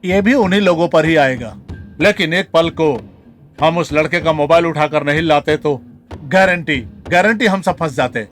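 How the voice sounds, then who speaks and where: A man voices a brash gang member with a somewhat high voice, waving off his friends' fears. Light film music runs under the dub. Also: normal speed, close to an everyday voice.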